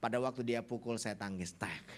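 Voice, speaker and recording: Animated storytelling pastor preaching. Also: male voice, on the low side, fairly quick. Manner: animated storytelling, repeatedly addressing the congregation. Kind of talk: sermon. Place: church.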